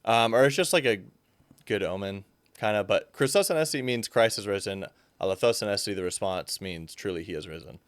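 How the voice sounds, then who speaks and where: A young adult man appears as a fitness coach guest, chatting casually and animatedly and peppering his speech with "like." His voice is lowish and brisk, and the recording has no echo.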